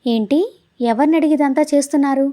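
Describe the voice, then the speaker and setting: Woman reading the part of a stern young man in a romance audio story, gruff and scolding, rather high voice, mellow tone. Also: a little fast, close to an everyday voice. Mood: annoyed. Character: irritable young man, stern yet softening.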